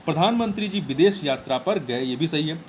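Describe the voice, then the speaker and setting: High-voiced man walking through exam answers. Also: lively intonation, brisk, slight background noise. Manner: explains step by step, repeats key words, plain teaching tone. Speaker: exam tutor. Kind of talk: exam answer explanation lesson.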